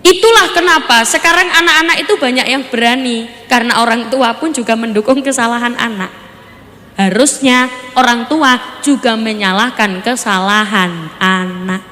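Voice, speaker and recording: A woman preacher, giving a lively sermon and teasing her audience with playful questions. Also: fairly high pitch, moderate pace. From Surabaya, East Java. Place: religious gathering before a live audience. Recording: reverberant hall with crowd.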